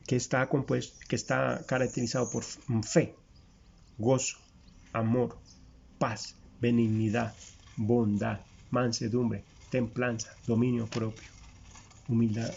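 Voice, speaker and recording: Male preacher, gravelly and a bit high, folksy sermon full of questions and lists, dull lo-fi sound. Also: little pitch movement, normal speed, pauses often, darkish tone. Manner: folksy, asks listeners rhetorical questions, builds long repeated lists. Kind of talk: conversational sermon. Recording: dull lo-fi recording.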